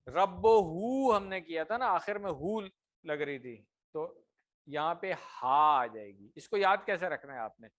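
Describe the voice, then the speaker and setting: A man teaching a grammar class, drilling words slowly and often checking that his students follow. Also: on the high side, lively intonation, a bit bright. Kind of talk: classroom lesson.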